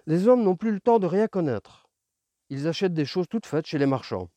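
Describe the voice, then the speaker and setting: A man's voice: fairly high pitch, sing-song, dark tone, no echo. A man voicing a lonely, patient fox who talks earnestly and pleads for friendship. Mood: pleading. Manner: earnest, pleading, explains slowly.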